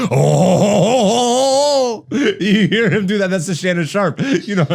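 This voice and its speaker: A man's voice: high-pitched, lively intonation, very slow, gravelly. A young man hosting a podcast, a comedian chatting loosely and laughing often. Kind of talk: casual podcast chat.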